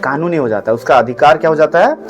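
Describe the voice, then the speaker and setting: A man preaching a sermon, animated, repeating questions for the congregation to answer back. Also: on the high side, quick pace. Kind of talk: sermon with call-and-response.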